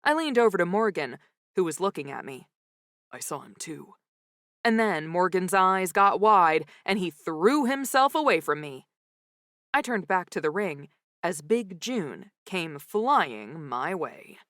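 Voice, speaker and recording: Lively woman narrating an audiobook. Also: lowish voice, unhurried, dry recording, clean studio sound. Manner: lively, wry storytelling. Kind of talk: first-person comic mystery narration.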